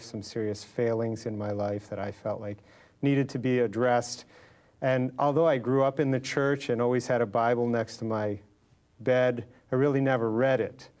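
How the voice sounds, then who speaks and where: A medium-pitched, slightly mellow male voice. He's an American lay businessman from Los Angeles, California, sharing his personal faith story as an interview guest.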